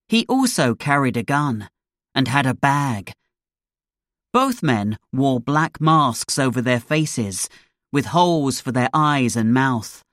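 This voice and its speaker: A narrator reading a graded storybook slowly and clearly, each sentence placed with care. The voice sits at a middle pitch and is recorded close and dry, with no room sound. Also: no room sound. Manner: slow, clear, deliberate reading.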